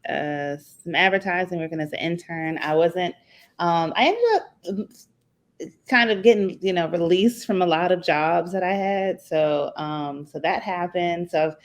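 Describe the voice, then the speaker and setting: A woman's voice: fairly low pitch, a little slow. A woman from Atlanta, a business owner guest in a casual interview, talking easily with many fillers and laughs. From Atlanta, Georgia. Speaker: guest entrepreneur.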